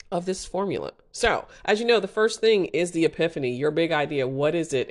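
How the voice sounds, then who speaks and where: Lady podcast host doing motivational coaching, chatty but urging, voice a bit on the low side. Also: a little mellow. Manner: emphatic, urging, encouraging; conversational, addresses listeners directly. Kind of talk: motivational talk to listeners.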